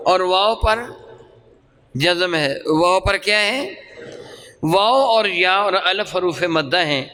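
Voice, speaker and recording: Guy teaching quran reading, high bright voice, slow, drills sounds and quizzes the class. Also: slight background noise. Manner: drills sounds, asks questions and repeats answers. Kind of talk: classroom lesson with call and response. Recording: long hall reverb.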